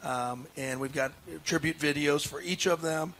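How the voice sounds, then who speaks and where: Man, basketball coach, halting earnest talk, lots of fillers, faint background hiss. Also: a little high, fairly bright tone. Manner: halting, many restarts and fillers; earnest, emotional. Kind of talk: casual radio interview.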